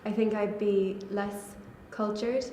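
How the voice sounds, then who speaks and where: A young woman, a college student, answers interview questions casually and talks in a relaxed way full of fillers. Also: mid-range voice, takes it slowly, a little hiss or hum. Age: young adult. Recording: echoey room.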